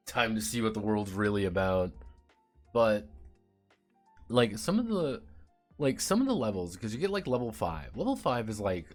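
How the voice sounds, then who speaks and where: A man streaming and chatting casually, rambling, swearing and sardonic about his teaching job. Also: fairly low pitch.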